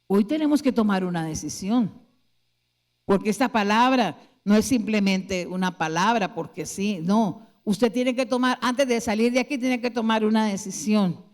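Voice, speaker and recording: A woman pastor preaching to her congregation, her voice sitting at an ordinary middle pitch. She drives her points home with one rhetorical question after another. The sound carries the long reverb of a large church hall. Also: normal speed, darkish tone. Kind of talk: sermon.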